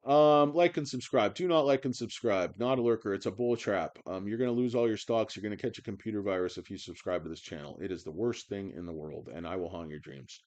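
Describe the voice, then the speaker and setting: A man's voice: fairly low pitch, brisk, few pauses, a little mellow. A man in his forties hosting a stock livestream, ranting in a profane, sarcastic, rambling way with many fillers. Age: 40s. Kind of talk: profane casual livestream rant.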